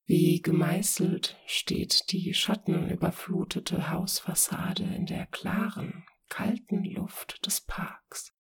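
A reader narrating dark poetic passages slowly in a hushed, whispery voice. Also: mid-range voice, creaky, husky. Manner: slow, hushed and whispery reading. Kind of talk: scripted narration.

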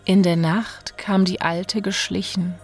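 A woman narrating a fairy tale in a slow, steady, even storytelling manner. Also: on the low side, slightly rough, faint music behind.

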